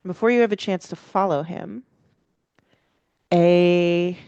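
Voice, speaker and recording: Smooth low-voiced woman game master. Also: slow pace, a little mellow, no echo, highs cut off. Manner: hesitant, piecing descriptions together as she goes. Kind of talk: improvised tabletop game narration.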